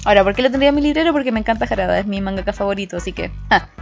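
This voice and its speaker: A woman's voice: mid-range voice, animated, very fast, gravelly, lo-fi sound, faint music behind. A woman with a Chilean accent, co-hosting a podcast in casual chat, giggling and restarting her sentences. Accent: Chilean Spanish. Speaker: podcast co-host.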